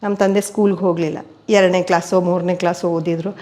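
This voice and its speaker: A woman's voice: fairly low pitch, fast. An older woman, telling family stories at home as an interviewee. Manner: steady storyteller who voices quoted people. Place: indoors at home.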